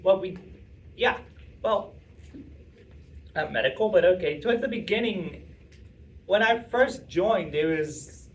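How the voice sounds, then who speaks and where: A young man talks casually to an audience, rambling and restarting with plenty of fillers. His voice sits a little high. He is picked up from across a meeting room, with faint room noise behind him. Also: animated, takes it slowly, long pauses, distant mic, rough recording. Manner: chatty, rambling, self-interrupting with fillers. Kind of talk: casual talk answering audience questions.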